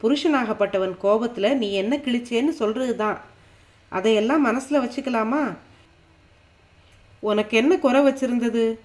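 Scolding older mother-in-law, raised and higher voice, lecturing tone, read by a woman narrator. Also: a little slow, pauses often, a little mellow, natural voice. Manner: lecturing, reproachful.

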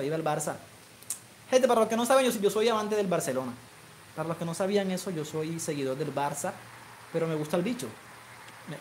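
A young gaming streamer from Colombia's Caribbean coast chats casually with viewers and calls a football video game match live, speaking with a coastal Colombian Spanish accent. His voice sits high and climbs when he shouts goal calls. A little hiss or hum is audible.

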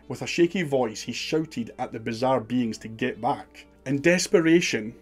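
A man's voice: medium pitch, a little mellow. A man giving scripted documentary narration in a dramatic, suspenseful storytelling manner.

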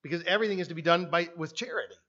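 This sermon comes from an older Canadian man, a pastor whose fairly high voice races along with a bright, forceful edge, captured in a muffled recording. Speaking in a conversational way full of restarts and repeated "right?" questions, he wanders around the podium microphone in the church sanctuary, often stepping away from it.

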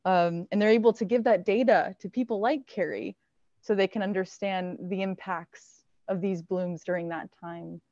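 A woman in her thirties, a marine researcher, answering questions on a video call, lively and full of fillers and laughs. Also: mid-range voice, moderate pace, no room sound. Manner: animated, laughs often, many fillers. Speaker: marine researcher guest speaker. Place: small indoor lab room. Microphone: wired earbuds on a video call. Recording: dull, dry video call audio.

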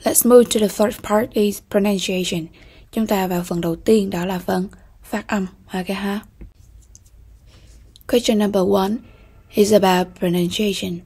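A woman with a Vietnamese accent leads an exam-prep lesson at an unhurried pace. She repeats each answer word and keeps checking in with her students. Her voice is husky, with a gravelly edge. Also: medium pitch, steady tone, warm tone. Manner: slow, methodical, repeats key words with frequent "ok ha". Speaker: English teacher.

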